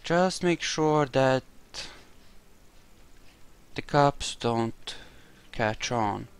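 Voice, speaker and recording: A gamer narrates a playthrough with casual roleplay commentary, tossing in wry, jokey asides. His mid-range voice is clean, with lively intonation and drawn-out words.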